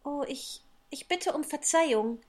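A man's voice: extremely high pitch, slow pace, fairly bright tone, voice pushed up, full character voice. A man voicing a polite, curious and eager little girl in an audiobook reading. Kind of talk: audiobook character voice.

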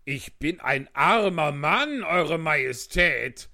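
A man's voice: fairly high pitch, expressive, slow, bright, forceful tone, no echo, studio quality, pitched above the performer's own voice, exaggerated voice. Man doing a trembling, pleading Hatter. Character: Hatter, a poor frightened man. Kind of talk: audiobook reading.

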